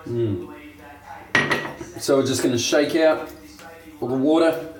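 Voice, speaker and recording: Here a young man hosts a shaving review video, speaking slowly at medium pitch in an easygoing, talkative way and chuckling at his own expense. Crowd noise sits in the background of what is otherwise a roomy home recording.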